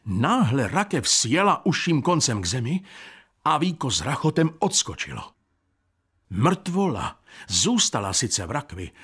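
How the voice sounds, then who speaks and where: A man narrating a classic short story as an audiobook in an expressive, storytelling manner. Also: medium pitch, slightly rough.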